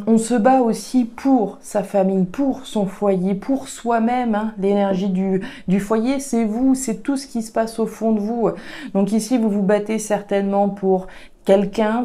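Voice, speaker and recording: A woman with a mellow, warm voice talks through a tarot card reading for her viewers. She is chatty and loose, tosses in fillers, and speaks straight to her audience. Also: mid-range voice. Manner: chatty, filler-heavy, addresses viewers directly. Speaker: tarot and oracle card reader. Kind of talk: casual astrology card reading.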